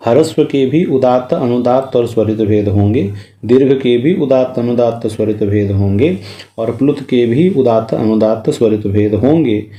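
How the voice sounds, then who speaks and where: Male grammar lecturer, mid-pitched, mellow and dark, steady explanatory delivery. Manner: methodical, explanatory, recites sutras slowly. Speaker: Sanskrit grammar teacher.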